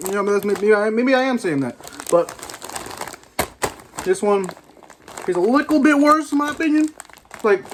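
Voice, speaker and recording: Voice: mid-range voice, slight background noise. A snack reviewer chatting casually and informally to viewers, rambling a little while giving opinions. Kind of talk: casual chat food review to camera.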